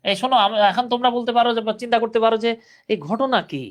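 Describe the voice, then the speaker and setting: A man's voice: extremely high pitch, steady tone, rapid-fire. Man, online english teacher, word-by-word explaining, questions to kids. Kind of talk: live online grammar lesson.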